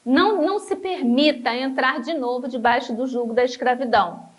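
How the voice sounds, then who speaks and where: A woman with a Brazilian Portuguese accent teaching a church Bible lesson, emphatic, slowing down to stress key words and addressing listeners as brothers. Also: high-pitched.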